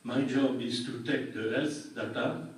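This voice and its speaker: The far-off room recording catches an older man with a French accent, a public health doctor giving plain explanations and dry jokes at a community meeting in a large, echoey hall. His mid-range voice is steady and a little slow.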